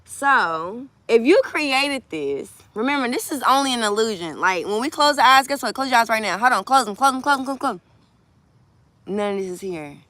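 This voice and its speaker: A woman giving a casual, animated tarot reading outdoors by the water into a phone camera, swinging between hushed and loud. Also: a little high, a little fast, dry recording. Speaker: tarot reader. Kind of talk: casual emotional tarot vlog.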